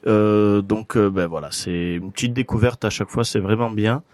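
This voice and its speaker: A man's voice: lowish voice, moderate pace, darkish tone, no room sound. A man hosting a casual radio show about films, talking with many fillers and light jokes. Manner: hesitant, full of fillers, joking.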